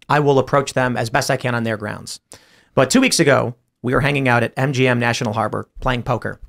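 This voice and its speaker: A man hosting a political talk show, telling stories with animated retellings and imitating other people in raised voices. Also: mid-range voice, creaky. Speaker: podcast host.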